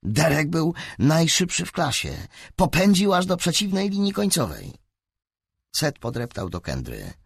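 A man reading a story aloud as audiobook narrator, expressive and swinging his pitch through the action, on a close studio mic. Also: measured pace, gravelly, breathy edge, dry recording. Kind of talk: scripted narration.

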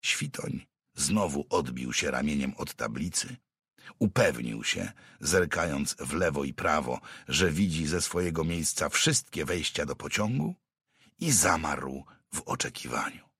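A man reading an audiobook novel aloud in a steady, measured storytelling manner. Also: extremely low pitch, slightly rough, dry recording, studio quality. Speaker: audiobook narrator. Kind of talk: scripted narration.

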